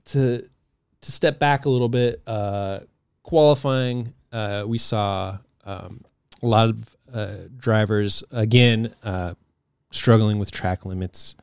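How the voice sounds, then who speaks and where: Relaxed man chatting on a podcast. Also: fairly low pitch, slow pace, clean tone, no echo, studio quality. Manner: loose, filler-heavy, trailing off. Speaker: podcast co-host. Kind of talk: casual chat.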